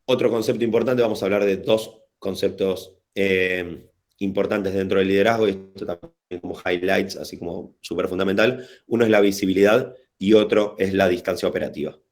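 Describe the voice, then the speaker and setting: A man with a Rioplatense Spanish accent runs a workshop over a video call, his voice sitting fairly low. He talks in a loose, slangy, wandering way, often restarting a phrase before he finds the right words. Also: steady tone, a little fast, a little mellow. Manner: casual, digressive, slangy, hesitant restarts. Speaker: workshop facilitator. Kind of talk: informal online workshop talk.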